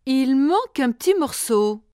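A woman playing a proud middle-aged queen in a storybook, speaking clearly and deliberately. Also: high voice, sing-song, warm tone, no echo, studio quality. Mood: intent.

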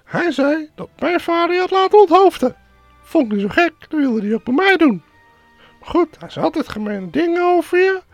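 A man voicing a tearful, complaining young princess in a high falsetto, as part of a told fairy tale. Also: sing-song, moderate pace, no echo, soft background music, full character voice. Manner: tearful pleading, rambling complaint. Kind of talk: storytelling with put-on voices.

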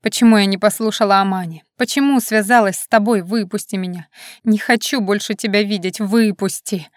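A woman reading an audiobook and voicing a young heroine, speaking in sharp, emotional outbursts. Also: medium pitch, steady tone, brisk, no room sound, studio quality, lightly acted. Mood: hysterical.

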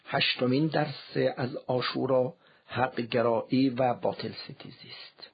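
A man giving a formal, measured religious lecture in a very raspy, gravelly voice. The recording is dull and lo-fi, as if heard over a radio. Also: medium pitch, steady tone. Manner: measured, formal, quoting scripture.

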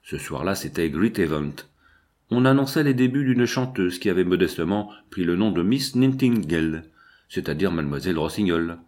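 A man reading a novel aloud in first person, with measured, expressive storytelling. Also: sits low. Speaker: audiobook narrator.

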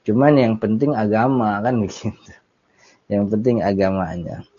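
A man's voice: on the low side, normal speed, dark tone. A man giving a casual Islamic study lecture, explaining Arabic text phrase by phrase in a chatty way with small laughs. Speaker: Islamic religious teacher. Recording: dull lo-fi audio recording.

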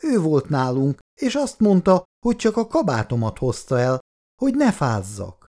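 A man's voice: fairly high pitch, huge pitch swings, darkish tone, pitched above the performer's own voice. A man voicing a frightened young boy who defends himself and pleads. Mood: pleading.

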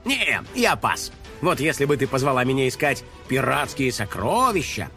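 A man voicing a boastful, excitable male house-spirit detective with pompous, theatrical exclamations in a children's storybook. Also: mid-range voice, moderate pace, gravelly, soft background music, full character voice. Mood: excited.

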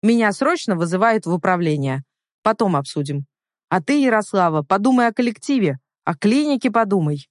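An evasive middle-aged male head doctor, as a woman narrator puts him on in a storybook reading. He keeps trying to smooth things over, pitching his voice up and pushing it louder as he pleads. The sound is dry and close. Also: expressive, a little fast, no room sound, natural voice. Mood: wheedling.

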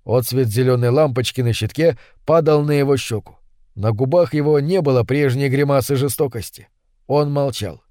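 A man narrating a horror story as an audiobook reading, in steady, measured storytelling. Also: medium pitch, dry recording, clean studio sound.

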